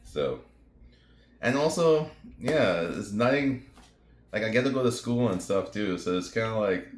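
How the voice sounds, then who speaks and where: A middle-aged retired veteran from Trinidad and Tobago, chatting casually to camera in a relaxed, rambling way, with fillers and asides to his viewers. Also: lowish voice, unhurried. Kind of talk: casual talking-to-camera vlog. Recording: echoey room.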